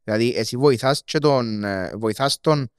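A man with a Cypriot Greek accent hosting a casual interview, speaking haltingly in short fragments. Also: mid-range voice, clean tone, dry recording, clean studio sound. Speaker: podcast host.

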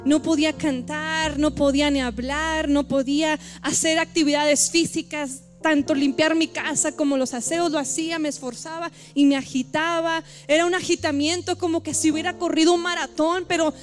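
A woman gives an emotional church testimony, heartfelt and halting, repeating her phrases. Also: sits high, fairly even intonation, faint music behind. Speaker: church member giving testimony.

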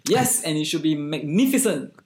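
A man's voice: on the high side, lively intonation, normal speed, a little mellow, roomy sound. A man with a Singaporean accent chatting casually in Singlish, full of lah, ah and eh, and bantering about the news.

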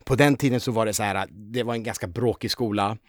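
A man, a guest actor, telling anecdotes in a casual interview, animated and full of fillers. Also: fairly low pitch, no room sound, studio quality.

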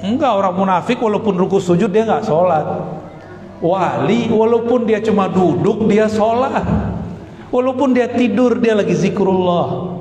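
A man's voice: high voice, normal speed, darkish tone. A man giving a religious lecture as a preacher, telling stories with animation and putting questions to his audience. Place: hall with long reverb. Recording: echoey hall, faint background ambience.

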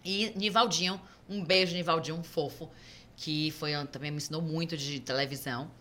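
A middle-aged Brazilian woman chats as a podcast guest, her voice sitting a little low yet sounding bright and forceful. She tells her stories with energy and slips into the voices of the people she quotes. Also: fairly quick. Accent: Brazilian Portuguese. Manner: lively, acts out quoted dialogue. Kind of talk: conversational storytelling.

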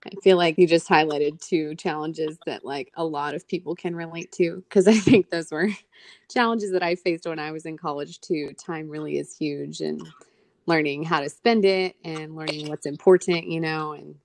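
A woman's voice: sits low, steady tone, normal speed, vocal fry, no room sound. A young adult woman co-hosting a podcast interview, leading questions and affirming the guest with frequent mm-hmms. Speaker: podcast co-host. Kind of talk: casual interview.

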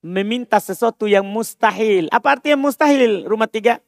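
A man's voice: high voice, moderate pace, gravelly, no echo, studio quality. A man teaching an Arabic grammar class at a mosque, repeating terms, translating them and quizzing his students. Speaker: Islamic religious teacher.

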